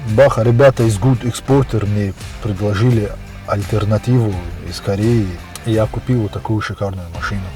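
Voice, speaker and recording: Mellow-voiced man giving a promotional testimonial. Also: on the low side, fairly even intonation, moderate pace, soft background music.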